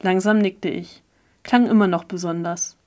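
A woman narrating a first-person story aloud in a steady, expressive reading. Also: lowish voice, normal speed. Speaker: audiobook narrator.

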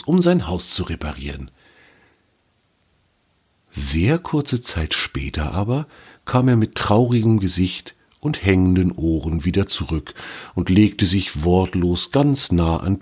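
A man reading a children's story aloud in a calm, even storytelling manner. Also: sits low, takes it slowly, breathy edge.

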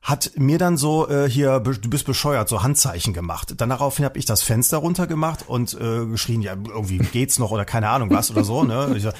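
Husky man telling a story animatedly. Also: mid-range voice, fairly quick, hardly any pauses. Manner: animated, acts out quoted people. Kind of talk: casual storytelling.

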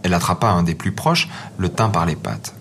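A man calmly reading a fairy tale aloud as narrator. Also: low-pitched, a little fast, slight background noise. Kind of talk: scripted storybook narration. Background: faint music.

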